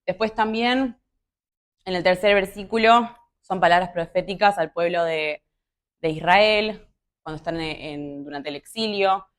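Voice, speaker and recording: Young woman w/ rioplatense accent preaching, chatty, lots of ums, lowish voice. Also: unhurried. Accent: Rioplatense Spanish. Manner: conversational, with many fillers and asides. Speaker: youth preacher. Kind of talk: casual sermon.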